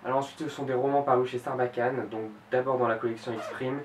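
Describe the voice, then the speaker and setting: A young man in his late teens talks through his reading plans in a casual home vlog, pausing often on fillers and correcting himself. His middle-pitched voice sits back from the mic in an echoing room, with a faint hiss underneath. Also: fairly even intonation. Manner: hesitant, frequent fillers and self-corrections. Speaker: book blogger. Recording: roomy echo, mic at a distance, faint background hiss.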